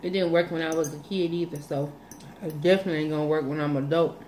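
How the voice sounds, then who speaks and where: A woman's voice: low voice, steady tone, quick pace, a little mellow, slight background noise. A young woman chatting casually to camera as a vlogger, playful and rambling, with a folksy way of talking. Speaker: vlogger hosting an eat-with-me video. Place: small room indoors. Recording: roomy echo from phone recording.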